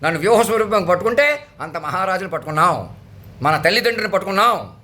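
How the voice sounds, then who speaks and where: A man's voice: high voice, big pitch swings, quick pace, pushed and bright. A man who calls himself a spiritual leader, delivering a commanding, declamatory sermon full of repeated phrases. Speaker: self-styled spiritual leader. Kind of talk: proclamatory sermon.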